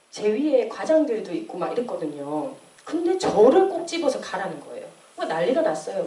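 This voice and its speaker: Woman, late 20s, church testimony. Animated storyteller with a mellow tone. Roomy, distant mic. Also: medium pitch. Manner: animated storytelling, acting out quoted voices. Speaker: church member giving testimony. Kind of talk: personal testimony. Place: church hall. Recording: echoey room, distant mic.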